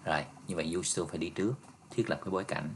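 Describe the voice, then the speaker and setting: A male teacher goes through an exam review step by step, patient, ending phrases with soft tags. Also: low voice, racing, a little hiss or hum. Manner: patient, explains step by step, ends phrases with "ha" and "nha".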